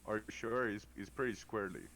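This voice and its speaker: Deep, bright male gamer in echoey room. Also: a little fast. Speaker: tabletop game player. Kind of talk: casual tabletop game chat. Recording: echoey room, distant, noisy.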